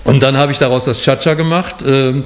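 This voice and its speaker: Middle-aged guy from cologne, talks quick, lots of ähs and restarts. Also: medium pitch, steady tone. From Cologne, Germany. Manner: fast, rambling, many fillers and restarts. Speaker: guest, bar owner and musician. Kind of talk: casual interview storytelling.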